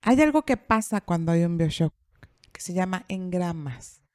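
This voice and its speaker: A woman's voice: on the low side, animated, moderate pace, darkish tone, dry recording, studio quality. A middle-aged woman telling a personal story in casual podcast chat, repeating phrases for emphasis. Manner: acts out quoted dialogue. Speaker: podcast speaker.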